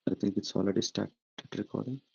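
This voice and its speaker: A man hosting a webinar on a video call, speaking haltingly with many fillers while he checks whether people can hear him. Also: lowish voice, fairly even intonation, gravelly, warm tone, breathy edge, muffled recording. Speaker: webinar host. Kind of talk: casual webinar setup chat. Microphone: computer mic on video call.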